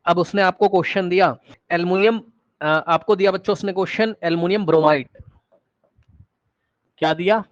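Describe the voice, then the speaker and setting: High-voiced, energetic male teacher. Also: a little fast, pauses often, no echo, highs cut off. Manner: energetic, keeps checking with "ठीक?" and coaxing answers. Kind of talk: classroom chemistry lecture.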